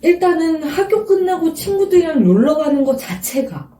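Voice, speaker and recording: A woman in her twenties, a guest telling her story in an earnest, reflective way during a relaxed interview. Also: very high voice, normal speed. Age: 20s. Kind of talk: casual interview chat. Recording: roomy sound from a distance.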